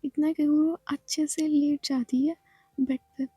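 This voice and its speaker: A woman narrating a romance story in a soft, hushed whisper. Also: sits high, flat delivery, measured pace, no room sound.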